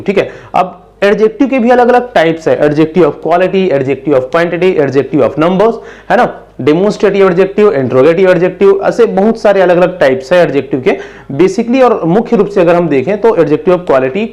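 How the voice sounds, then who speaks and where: A man teaching English grammar in Hindi. He asks and answers his own questions and slows down to spell out the English examples. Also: a little high, darkish tone.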